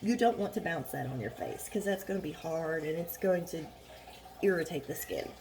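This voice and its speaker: A woman casually chatting through a makeup tutorial at home, rambling and frank, a little hoarse, recorded on a phone. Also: sits low, animated, moderate pace, darkish tone. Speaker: beauty vlogger. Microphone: phone camera.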